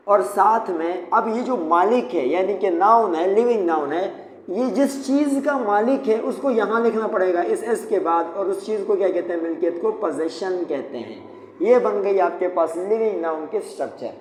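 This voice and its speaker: His voice sits high with a slightly mellow quality. In this whiteboard lesson on English grammar he takes each step patiently and restates the important points, heard in an echoey room with faint background noise.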